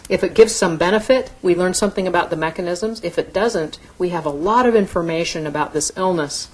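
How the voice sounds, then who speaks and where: Middle-aged woman doc lecturing a crowd, lowish voice, chatty and explaining, stops and restarts sometimes. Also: a little mellow, rough recording. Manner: explanatory, conversational, occasional restarts. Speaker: physician lecturer. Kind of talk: medical lecture to an audience.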